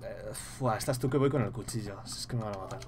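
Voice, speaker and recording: A young man with a Spain Spanish accent, commentating a horror game live, muttering to himself and bursting into loud startled swearing. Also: on the low side, fast, background noise. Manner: mutters quietly to himself between outbursts. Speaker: gaming streamer.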